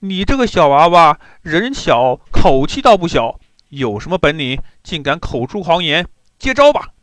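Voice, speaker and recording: A man voicing an arrogant bandit chief who talks loudly and mockingly. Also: fairly high pitch, big pitch swings, normal speed, dry recording. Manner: loud, mocking.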